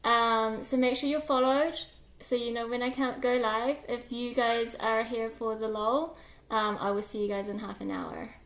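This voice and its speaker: A woman's voice: a little high, fairly even intonation, normal speed, fairly bright tone. Chatty woman streamer, echoey kitchen. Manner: chatty, greets viewers by name, scattered and distracted. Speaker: live streamer. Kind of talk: casual live-stream chat. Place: home kitchen.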